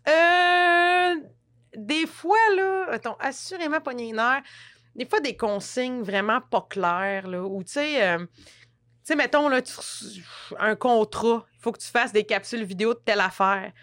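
A woman's voice: a little high, measured pace. A woman with a Quebec French accent, chatting casually and laughing often as she tells stories. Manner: laughing often, animated storytelling. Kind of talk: casual chat.

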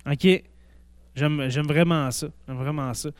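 A man with a fairly high voice and a Québécois accent chats as an interviewer. He asks casual questions and repeats answers back in an encouraging way. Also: fairly even intonation, slow pace, clear, resonant tone, no room sound. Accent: Québécois French.

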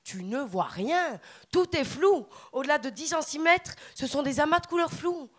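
A woman from Belgium with a Belgian French accent, performing a stand-up set on stage with deadpan, punchy asides. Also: sits high, normal speed. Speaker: stand-up comedian.

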